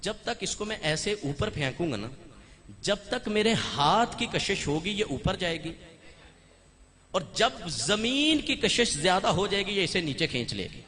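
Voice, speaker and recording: A man preaching a Muharram majlis sermon in a Pakistani Urdu accent. He climbs to shouted, fervent peaks, then drops to quiet asides. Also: sits high, big pitch swings, unhurried. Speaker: Shia preacher. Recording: long hall reverb.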